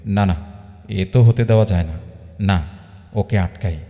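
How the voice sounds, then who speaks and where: A man's voice: lowish voice, unhurried, warm tone, in a large hall. A man voicing a flustered, married young man on a date who pleads and gets exasperated. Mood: worried inner thought.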